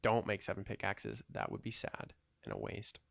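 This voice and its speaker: Low gravelly young man rambling. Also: very animated, normal speed, a bit bright, no echo. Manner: rambling, thinking aloud with many fillers. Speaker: gaming channel host. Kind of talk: casual commentary while playing a game.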